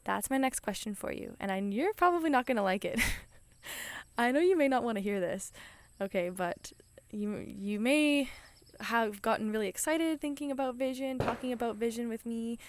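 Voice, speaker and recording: A woman's voice: a little high, animated, moderate pace, no room sound. A woman hosting a podcast, giving an enthusiastic, encouraging motivational talk in a chatty way, often restarting her sentences. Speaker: podcast host.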